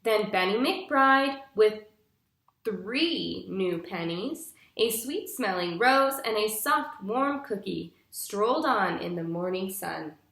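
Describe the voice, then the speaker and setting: In a small living room, a young teacher reads a picture book aloud to young pupils, instructive and slow, lingering on each phrase. Her intonation is lively, swinging widely in pitch, with a somewhat bright tone and some vocal fry. Recorded a short way from the mic, the audio carries a roomy echo.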